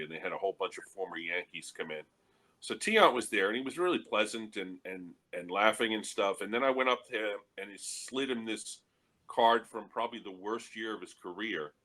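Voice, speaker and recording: A man's voice: fairly low pitch, bright, forceful tone. A man on a panel, telling anecdotes in a casual discussion and chuckling as he goes. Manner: storytelling with chuckles. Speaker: panel guest.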